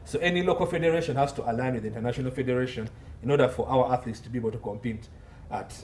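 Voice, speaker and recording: A mid-range, darkish voice rattles off rapid-fire interview commentary from a Ugandan entertainment law consultant appearing as a guest. Emphatic, he repeats phrases for stress, recorded on a distant mic with faint background noise.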